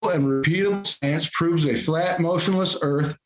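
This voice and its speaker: A man's voice: on the high side, normal speed, reverberant, music in the background. A man earnestly telling a story over a remote call, repeating phrases as his glitchy audio keeps cutting out. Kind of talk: casual debate over a call. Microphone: remote call connection. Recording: dull lo-fi call audio with dropouts.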